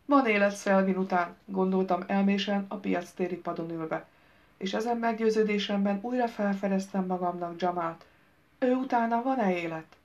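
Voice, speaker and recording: Wry woman reading an audiobook. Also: medium pitch. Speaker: audiobook narrator. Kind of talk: first-person novel reading. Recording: slightly dull lo-fi recording.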